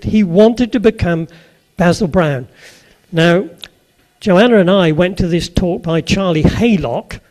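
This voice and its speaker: An older man with a Suffolk English accent preaches to a gathered audience, his voice sitting fairly high for a man. He takes his time and moves at an unhurried, slow pace. He keeps the talk chatty, asks the listeners questions and slips in little jokes. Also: a little mellow. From Suffolk, England. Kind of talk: anecdotal sermon to a live audience.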